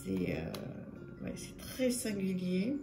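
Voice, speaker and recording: Her pitch swoops wildly around a medium level as this slow-talking French woman presents a tarot deck on her channel. The chat is casual, packed with fillers and repeated words. Soft music plays, and the room sounds echoey.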